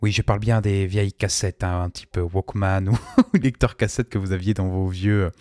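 Male radio host, low-pitched, dry close studio mic, hesitant and chatty between tracks. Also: steady tone, moderate pace, a little mellow, no room sound. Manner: hesitant, many fillers, chuckling asides. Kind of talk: casual radio presenting.

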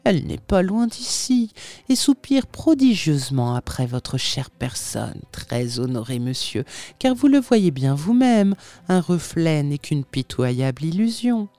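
In an audiobook reading, a narrator voices a sly, mocking male tempter whose speech drips with unctuous, overly polite irony, silky in mood. The voice is mid-range, dark in tone and very animated, unhurried, with no echo.

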